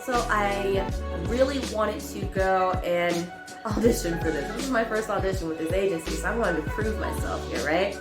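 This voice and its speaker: A young adult woman casually telling a personal story, animated, laughing often and acting out quoted lines. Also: mid-range voice, normal speed, reverberant, over loud music.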